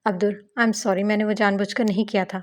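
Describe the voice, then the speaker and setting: A woman's voice: medium pitch, little pitch movement, close to an everyday voice. Woman reading as a stammering young wife. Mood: tearful. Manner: stammering, halting speech. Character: emotional young wife, tearful then shy and playful. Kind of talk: audiobook novel reading.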